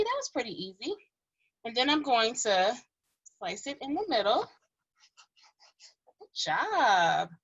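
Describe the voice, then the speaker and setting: A woman with a fairly high, bright voice teaches children cooking step by step, encouraging them and repeating key phrases. She hosts and teaches at a kids' cooking school, and the recording is rough.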